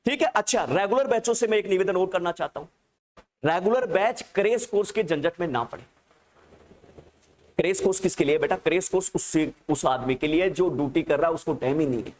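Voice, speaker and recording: A male teacher lecturing in a classroom. He says key terms slowly, again and again, so students can copy them down. Between terms he coaxes and checks on the class in a fond, fatherly way. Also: high-pitched, animated. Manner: keeps checking that students have understood; calls students "child" in an affectionate, coaxing way. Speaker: nursing exam teacher.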